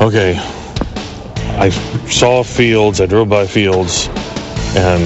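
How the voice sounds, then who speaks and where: An American man working as a radio interviewer, speaking conversationally. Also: low voice.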